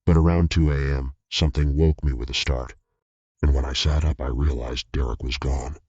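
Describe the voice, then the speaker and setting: A man narrating a scripted horror story in a steady, tense way. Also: extremely low pitch, normal speed, breathy edge, dry recording. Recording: dull lo-fi recording.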